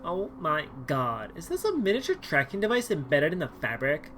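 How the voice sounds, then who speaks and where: A woman streamer reads a dating game aloud in the first person, adding sarcastic, wry asides between lines of the story. Her voice is low, but her pitch swings widely as she jumps into exaggerated outbursts. The delivery is playful and theatrical. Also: huge pitch swings, moderate pace, fairly bright tone, slight background noise. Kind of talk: dramatic game read-through.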